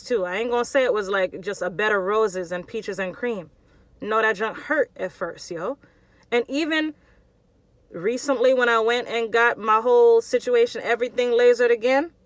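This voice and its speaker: A woman talks straight to camera in a storytime vlog, loose and slangy and full of expression. Her voice sounds bright and forceful. The sound is dry and close. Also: mid-range voice, dry recording. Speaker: vlogger telling a personal story. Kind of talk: casual storytime chat.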